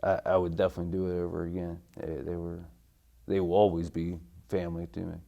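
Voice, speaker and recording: Middle-aged American male veteran, low relaxed voice, remembering service days in halting, courteous interview answers. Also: gravelly, highs cut off. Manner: veteran remembering, halting recall with deferential politeness. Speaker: military veteran being interviewed. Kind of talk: oral history interview, recalling army service.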